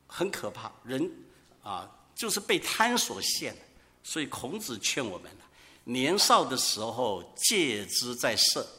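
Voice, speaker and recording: A man preaching a sermon, telling anecdotes and asking rhetorical questions. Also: fairly high pitch. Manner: storytelling, rhetorical questions, animated. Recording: long hall reverb.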